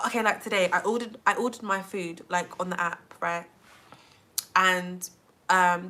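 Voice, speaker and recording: A young woman with a British accent, chatting casually to the camera in a vlog, full of filler likes and lively asides. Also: mid-range voice. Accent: British English. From England. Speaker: vlogger.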